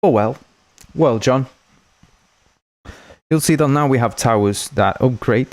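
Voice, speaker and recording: At a measured pace and medium pitch, with no room sound, a man whose first language is Spanish hosts a game dev livestream. His casual talk meanders with jokes and plenty of thank-yous to viewers.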